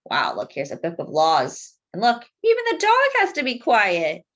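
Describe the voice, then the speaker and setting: With the highs cut off from the recording, a woman storyteller with a mid-range voice reads a picture book to children. She's expressive and animated, drawing out key words and talking with her young audience.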